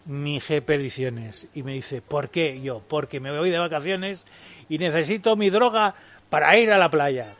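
A man's voice: a little high, moderate pace, fairly bright tone. A man, telling a comic anecdote on a radio show in an exaggerated, theatrical way and acting out the voices. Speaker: co-host.

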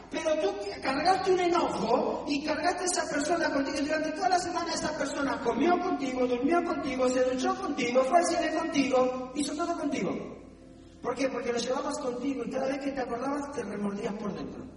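Animated pastor preaching in an echoey hall. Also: male voice, very high voice, a little fast, recorded from a distance. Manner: animated, acts out quoted voices. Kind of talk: sermon with humor. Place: church hall.

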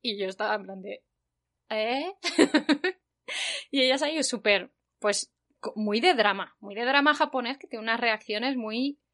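A woman from Spain hosting her podcast, telling an anecdote in a chatty, animated way with a Spain Spanish accent. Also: a little high, moderate pace. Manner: chatty, animated, acts out quoted voices. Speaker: podcast host. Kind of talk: casual anecdote storytelling.

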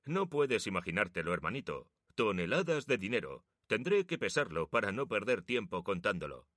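A man's voice: lowish voice, big pitch swings, moderate pace, a bit bright, no room sound, clean studio sound. A man voicing a proud young photographer who talks earnestly and jokes with his brother. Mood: joking. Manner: earnest, sometimes teasing.

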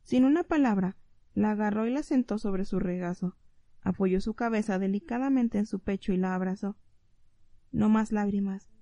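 Dark-toned woman narrating an audiobook. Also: medium pitch, brisk, no echo, muffled recording. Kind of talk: scripted narration.

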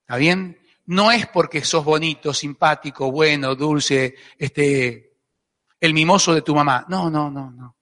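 Argentine male pastor, emphatic and repetitive preaching, high, forceful voice, long church reverb. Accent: Argentine Spanish. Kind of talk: sermon. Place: church hall. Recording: echoey church hall.

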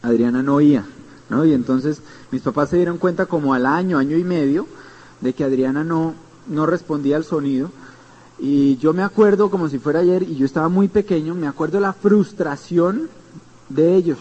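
A man's voice: a little high, moderate pace, mellow, slightly rough, lo-fi sound. A man with a Colombian accent giving a motivational seminar talk, telling his story earnestly and speaking straight to his listeners. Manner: earnest storytelling, addresses listeners directly with tag questions.

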